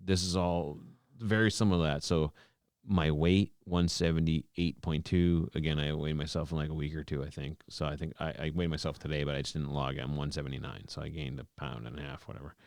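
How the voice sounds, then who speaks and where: Deep-voiced guy in his 40s rambling on a podcast, dead dry sound. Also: fairly even intonation, fairly quick, a little mellow, no echo. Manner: rambling, explains at length with many restarts. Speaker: podcast co-host. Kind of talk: casual chat.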